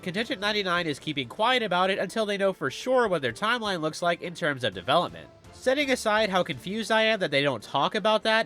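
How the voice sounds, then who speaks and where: A man's voice: high-pitched, pushed and bright. A man with a cold giving scripted video game commentary in a stuffy, nasal voice, as if pinching his nose.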